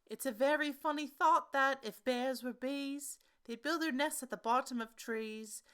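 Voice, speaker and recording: A woman's voice: high voice, unhurried, fairly bright tone, clean tone, voice pushed up. A woman voicing an earnest, simple-minded, honey-loving male bear in a children's storybook, pondering aloud in an emphatic, sing-song way. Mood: singsong. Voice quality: growly.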